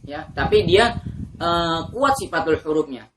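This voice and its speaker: A woman teaching Quran reading, patiently drilling letter sounds and reciting verses slowly and drawn out. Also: low-pitched, lively intonation, a little hiss or hum. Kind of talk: teaching letter pronunciation to learners.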